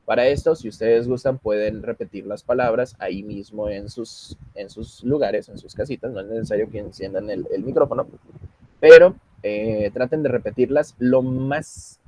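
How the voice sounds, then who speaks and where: A man's voice: mid-range voice, normal speed, darkish tone. Patient man teaching English. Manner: explains patiently, switches between Spanish and English. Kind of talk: online class instruction.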